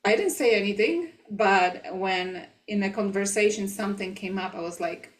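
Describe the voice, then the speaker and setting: A woman's voice: mid-range voice, normal speed. Reflective woman podcast co-host. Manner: reflective, laughs often. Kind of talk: spiritual podcast conversation.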